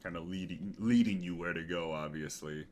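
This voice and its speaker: A man's voice: deep voice, normal speed, darkish tone, faint music behind. A man narrating as game master in a casual way, restarting often. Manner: casual, with frequent restarts and fillers.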